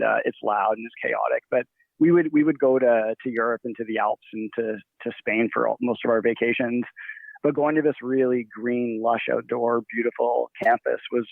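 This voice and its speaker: A man who grew up in Nigeria answers interview questions in a loose, rambling way, full of fillers and restarts. His voice is gravelly and sits at a middle pitch. It comes through a tinny, phone-like line. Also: no room sound. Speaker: guest.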